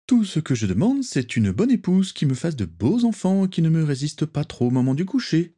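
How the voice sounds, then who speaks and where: A man's voice: medium pitch, sing-song, moderate pace, mellow, husky, pitched above the performer's own voice. A man voicing a crude, proud young pureblood wizard who talks with scorn. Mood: smug. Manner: scornful, boastful.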